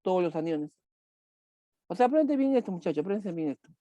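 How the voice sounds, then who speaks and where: A man's voice: high voice, expressive, fast, warm tone, no echo, lo-fi sound. A man teaching a chemistry class online, repeating key points and asking students questions as he goes.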